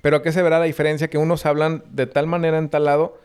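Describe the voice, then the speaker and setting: A young man with a smooth, clear voice who keeps asking questions in a slangy podcast chat. He trips over his words as he works toward his point. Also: a little high, flat delivery, rapid-fire, darkish tone. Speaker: podcast co-host. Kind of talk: casual chat.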